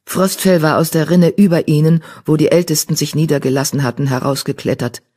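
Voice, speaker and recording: A woman narrating an audiobook in an even, measured way. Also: low-pitched, breathy edge.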